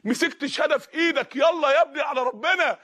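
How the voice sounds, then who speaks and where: A man with an Egyptian accent preaching an emotional sermon, rising to shouts and dropping to hushed pleas. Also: very high voice, quick pace. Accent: Egyptian Arabic. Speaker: Islamic preacher.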